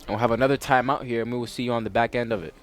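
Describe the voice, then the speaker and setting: A teenage man, a student player, doing casual play-by-play commentary for a high school football game, with frequent restarts. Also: steady tone, rapid-fire, soft background music. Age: teens.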